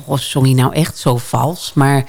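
A woman's voice: extremely low pitch, steady tone, unhurried, creaky, a little mellow. A woman hosting a casual radio interview, prompting her guest with questions and short affirmations. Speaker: radio host. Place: radio studio.

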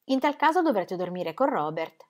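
A woman's voice: medium pitch, very animated, normal speed, close to an everyday voice. A woman reading the part of an earnest, anxious young pastor's wife with breathless, gushing emphasis. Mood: eager.

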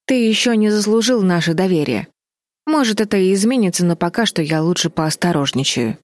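A woman voicing a stern, sharp-tongued older sister who gives curt commands, in an audiobook. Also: lowish voice, lively intonation, a little fast, no room sound, lightly acted. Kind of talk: audiobook character voice.

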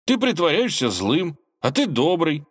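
A cheeky young folk hero from a storybook, as a man puts him on, his voice pitched well above a grown man's and lively as he pleads earnestly. Boldness and eagerness show in every line. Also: measured pace, breathy edge, no room sound, clean studio sound, exaggerated voice.

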